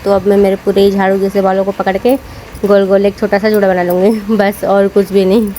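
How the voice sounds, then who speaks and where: A woman's voice: mid-range voice, monotone, a little fast, warm tone, soft background music. A young woman, a mother, chatting casually to camera in a home vlog and telling her story with lots of fillers. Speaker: vlogger, mother.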